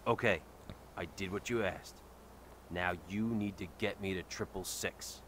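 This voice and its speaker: An actor playing a tough, impatient biker hero in a video game, speaking in curt threats. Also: male voice, low-pitched, fairly even intonation, unhurried, fairly bright tone, a little hiss or hum. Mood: menacing.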